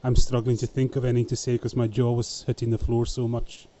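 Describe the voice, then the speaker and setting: A man's voice: medium pitch, monotone, a little fast, mellow. A man with a thick Scottish accent hosting an informal live panel chat over an online call. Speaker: host of a live panel show. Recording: muffled online call audio.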